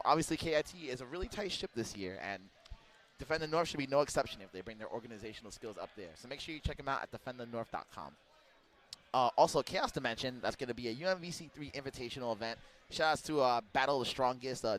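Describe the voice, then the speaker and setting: A man rattling off sponsor shout-outs and event dates as a stream announcer, in a brisk, list-like way. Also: mid-range voice.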